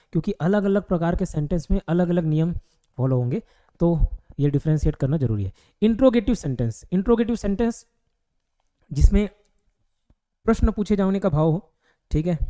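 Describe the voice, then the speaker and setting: A man with an Indian English accent teaching a grammar class online. His voice sits somewhat high but sounds dark and mellow. He drills terms by repeating them and keeps asking the class rhetorical questions. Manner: repetitive, quizzing with rhetorical questions.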